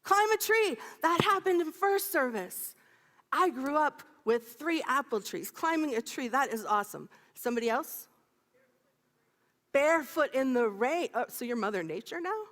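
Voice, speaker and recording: Playful high-voiced woman minister in her fifties. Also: normal speed. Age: 50s. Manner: animated and playful, laughing often, calling out to the congregation. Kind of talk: sermon. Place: church sanctuary. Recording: long reverb of a large sanctuary.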